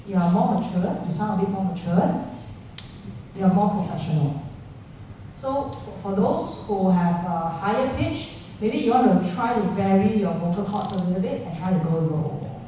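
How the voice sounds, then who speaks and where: A woman running a pitching workshop, talking live to founders and asking the audience questions, dropping local particles like lah. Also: animated, normal speed, dark tone. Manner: interactive, asks the audience questions. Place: large indoor room with an audience. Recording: echoey room picked up from far off, faint noise.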